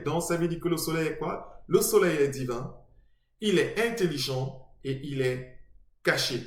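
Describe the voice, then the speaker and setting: A man giving an informal video lesson, explaining step by step with frequent restarts and spelled-out letters. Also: a little high. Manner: hesitant, many restarts and fillers, spelling out letters. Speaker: teacher presenting a video lesson. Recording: echoey room.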